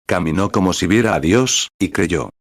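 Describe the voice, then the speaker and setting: A man reading a translated sermon in a steady, solemn way. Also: sits low, normal speed, no room sound, clean studio sound. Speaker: sermon reader.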